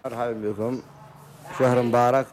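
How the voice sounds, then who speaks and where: A man's voice: medium pitch, flat delivery, normal speed, a little mellow, slight background noise. A Yemeni man being interviewed at an outdoor market, giving short, repetitive answers. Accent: Yemeni Arabic. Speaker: guest.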